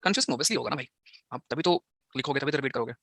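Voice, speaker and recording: A man's voice: medium pitch, fast talker, vocal fry, fairly bright tone, dry recording, studio quality. A slightly unwell man teaching a physics class online, firing rhetorical questions at his students and mixing English into his talk.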